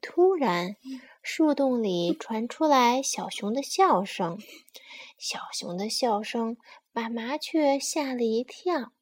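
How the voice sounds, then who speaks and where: A woman reading a bedtime story aloud to a child in a slow, gentle manner. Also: a little high, animated.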